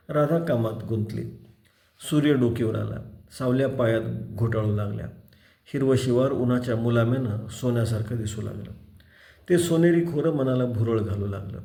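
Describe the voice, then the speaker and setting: A man from Maharashtra reads a novel aloud with a measured storytelling pace. His voice is mellow and of middle pitch. The recording has a roomy echo. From Maharashtra, India. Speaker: novel reader. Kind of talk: audiobook reading.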